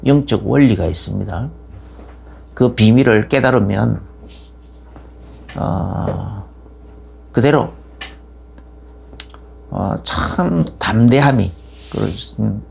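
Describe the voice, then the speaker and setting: Gravelly-voiced pastor preaching a sermon. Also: male voice, mid-range voice, a little mellow. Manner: rambling with many fillers and restarts, growing fervent.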